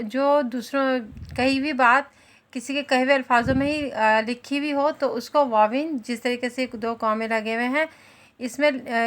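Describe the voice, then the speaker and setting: A woman's voice: on the high side, slight background noise. A woman with a Pakistani Urdu accent teaching a school lesson, explaining patiently with frequent hesitations.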